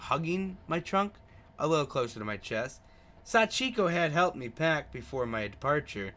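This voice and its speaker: A gaming video host reads a visual novel aloud in a slightly high, sing-song voice with a sharp tone and a moderate pace. He trips over the written words, rereads lines, and throws in his own asides.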